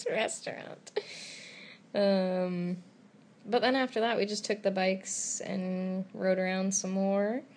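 A woman's voice: medium pitch, gravelly. A young woman chatting casually on a travel vlog, giggly and teasing. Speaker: travel vlogger. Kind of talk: casual chat.

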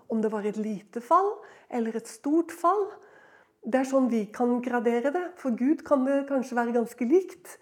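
A middle-aged woman preacher giving a sermon in a church, moving between loud emphasis and hushed whispers. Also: high-pitched.

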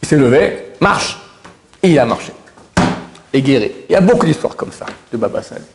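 A man's voice: medium pitch, sing-song, gravelly, noisy background. A middle-aged man casually retelling religious miracle stories, often stumbling and repeating words as he goes. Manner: halting, repeats and restarts words. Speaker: storyteller.

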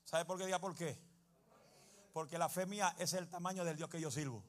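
A man preaching a fiery sermon as pastor, shouting and speaking in tongues. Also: on the high side, a little fast.

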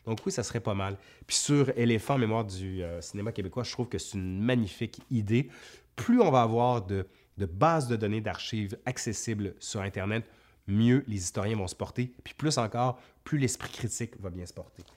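A man speaks in a fairly low voice with a clear Quebec French accent. He chats casually to viewers as a host, reading out their questions and answering them off the cuff. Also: moderate pace, a little mellow. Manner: conversational, reads questions aloud then answers off the cuff. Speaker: history video host.

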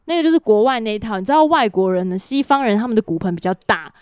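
A woman's voice: medium pitch, lively intonation, racing, a little mellow, clean tone, no echo, natural voice. A woman voicing a blunt, dismissive male anesthesiologist who lectures her, recorded close and dry. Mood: scornful. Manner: lecturing, scornful.

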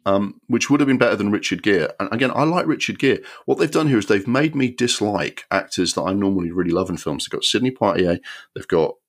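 A man hosting a film podcast, giving an animated, exasperated review with many ums and the odd swear word. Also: fairly low pitch, brisk.

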